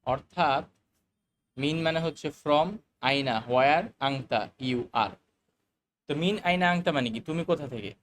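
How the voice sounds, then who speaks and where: Man explaining Arabic grammar, slightly high. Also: fairly bright tone, slight background noise. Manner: explains slowly, with fillers and mixed English words. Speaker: Arabic teacher. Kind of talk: recorded lesson explaining grammar.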